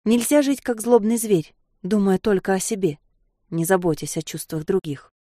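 A woman voicing a gentle, anxious female inner voice of kindness that speaks softly and pleads. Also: mid-range voice, normal speed, no room sound, clean studio sound, lightly acted. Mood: fretful. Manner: soft, fretful, pleading.

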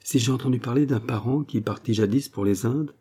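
A man voicing an excitable, plain-spoken provincial middle-aged woman. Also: medium pitch, brisk, slightly rough, close to an everyday voice. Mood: excited.

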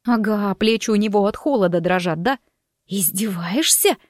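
A woman voicing a proud young healer, sharp-tongued and easily flustered. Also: medium pitch, moderate pace, no echo, studio quality, lightly acted. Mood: indignant.

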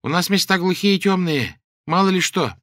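A man voicing an old woman beggar who speaks slowly in an unruffled, folksy pious way. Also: high voice, lively intonation, a bit bright, no echo, studio quality, voice pushed up. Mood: calm. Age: older.

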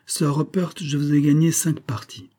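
A man's voice: fairly high pitch, flat delivery, moderate pace, dark tone, voice pushed up, natural voice. A man voicing a proud, cold young woman in an audiobook, speaking haughtily and impatiently. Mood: bored.

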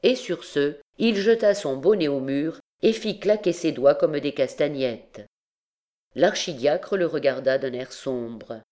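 A woman reads a classic novel aloud in a calm, measured way. Her voice sits low and she takes her time with each phrase. It is steady audiobook narration.

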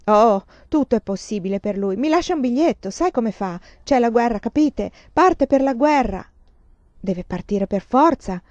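Woman reading as a frantic young girl begging loud and high, sobbing, bit muffled audio. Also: measured pace, dry recording. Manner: pleading, shouting, sobbing. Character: young foreign woman student, frantic, desperate.

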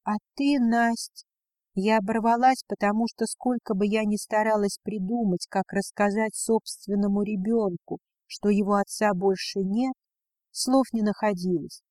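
A woman reading a first-person audiobook in a quiet, subdued way. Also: medium pitch, steady tone, normal speed, no room sound. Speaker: audiobook narrator.

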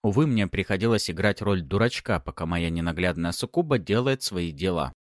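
Deep-voiced guy reading an audiobook, sarcastic, lively pitch, dry sound. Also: brisk, dry recording. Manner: sardonic, mocking. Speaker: audiobook narrator. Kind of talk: first-person audiobook narration.

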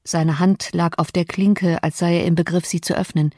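A woman's voice: fairly low pitch, fairly even intonation, darkish tone, dry recording, clean studio sound. Woman reading a classic novel aloud. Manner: measured, slow on key phrases. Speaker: audiobook narrator. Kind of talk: scripted narration of a classic novel.

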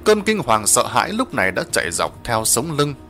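A male storyteller narrates a ghost story in a bright, forceful voice. His pitch moves widely and his reading stays dramatic and expressive. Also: moderate pace, faint music behind. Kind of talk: spoken horror story narration.

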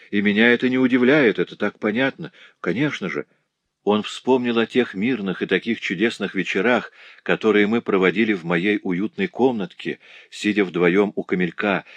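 Cast a man doing a chatty, soft-hearted young working girl for an audiobook, raised and lively over his low natural voice, dry close mic. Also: no room sound. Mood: heartfelt. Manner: eager, emotional chatter. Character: cheerful young working Parisian woman, tender-hearted. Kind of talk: audiobook character voice.

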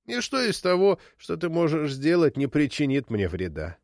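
A man's voice: sits high, very animated, normal speed, dry recording, studio quality, pitched above the performer's own voice. A man voicing a frail, confused old woman who snaps back in short, indignant retorts, in a read-aloud story. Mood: weary.

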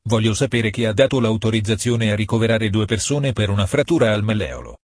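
Rude grumpy doctor, man doing him, husky, dry sound. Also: on the low side, lively intonation, brisk, no room sound. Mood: brusque. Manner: brusque, commanding. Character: rude, angry male hospital doctor.

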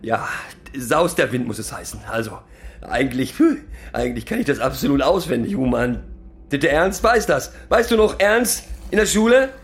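Here the same sort of role comes across flustered and very animated: a medium-pitched male actor portraying a sentimental, rambling pub regular of middle age. He lectures and stumbles through poetry, correcting himself as he goes in a theatrical monologue.

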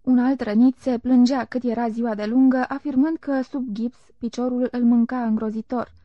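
A woman narrating a literary audiobook in a calm, measured reading voice. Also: a little high, dry recording. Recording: dull lo-fi recording.

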